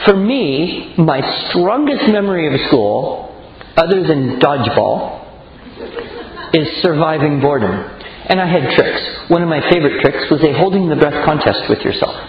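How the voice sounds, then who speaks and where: A man's voice: a little high, normal speed, a little hiss or hum. A man who teaches children gives a talk to an audience, telling stories and acting out little voices as he goes. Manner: animated, storytelling with acted-out voices. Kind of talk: lecture to an audience. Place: large room with audience. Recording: echoey hall, dull lo-fi sound.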